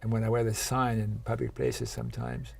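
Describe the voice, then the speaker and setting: A male host and therapist who interviews with persistent, probing questions and a gravelly, husky voice. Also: mid-range voice, little pitch movement, fairly quick, a little mellow.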